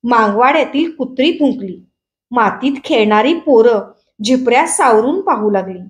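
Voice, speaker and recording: A woman reading a rural story aloud with a Marathi accent, in steady first-person storytelling narration. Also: a little high, moderate pace. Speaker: story reader.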